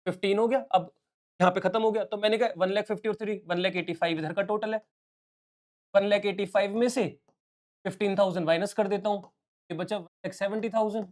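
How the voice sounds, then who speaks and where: A man's voice: high voice, fairly even intonation, a little fast, darkish tone. A male commerce teacher explaining exam questions step by step, working sums aloud and mixing English terms into his talk. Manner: explains step by step, calls viewers "beta" and "bachche". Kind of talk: solving exam questions on a live stream.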